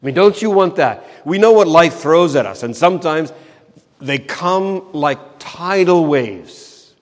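A man preaching a sermon in an earnest way, repeating words for emphasis and slowing down on key phrases. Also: on the high side, lively intonation, long reverb tail. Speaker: pastor.

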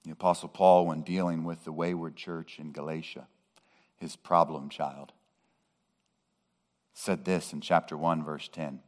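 Male pastor, deep low voice, slow and deliberate sermon delivery with emphatic rises. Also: little pitch movement. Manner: slow, measured preaching that rises to emphatic peaks.

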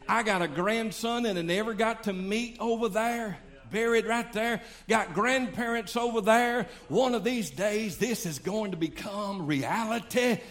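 A man's voice: high-pitched, a bit bright. An older man preaching a sermon in a fervent, folksy way.

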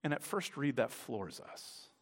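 A man preaching a sermon as pastor, dramatic and emphatic, swinging from hushed asides to loud declarations. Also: medium pitch, sing-song, measured pace. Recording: long reverb from a large room.

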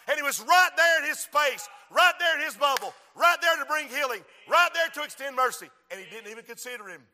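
Casting: a man preaching in a big reverberant hall, high voice with a sharp edge, repeats his phrases, rises to shouts. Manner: rhythmic repetition, swings from quiet to shouting. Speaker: preacher and school principal. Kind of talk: sermon.

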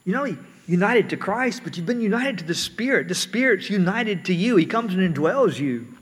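A man's voice: high voice, lively intonation, brisk, husky, in a large hall. A man preaching a sermon earnestly, often repeating words as he explains.

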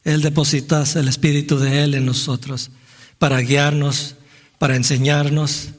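In a church with a long hall reverb, a man with a slightly high, level voice preaches a sermon at a moderate pace. He sounds earnest and reflective, often restarting phrases and asking "¿no?" rhetorically.

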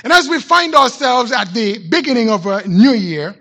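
A male pastor delivering a sermon in church, telling a story in a measured, reflective way with deliberate pauses. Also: very high voice, expressive, creaky, pushed and bright. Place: church sanctuary.

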